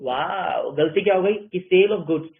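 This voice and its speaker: A man's voice: high voice, slow pace, creaky. A man teaching an accounting class online in a playful way, asking questions and answering them himself in his students' voices. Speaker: commerce teacher. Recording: tinny phone-like sound.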